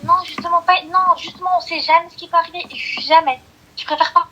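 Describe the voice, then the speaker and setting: A woman caller with a small, soft voice, talking hesitantly and apologetically on a live call. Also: very high-pitched, flat delivery, fast, highs cut off.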